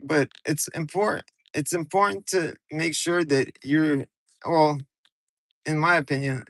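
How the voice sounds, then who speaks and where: A Ukrainian man hosts a casual livestream from his car using his phone, rambling in loose, slangy talk aimed straight at his viewers. His voice is a little high, and the recording is rough.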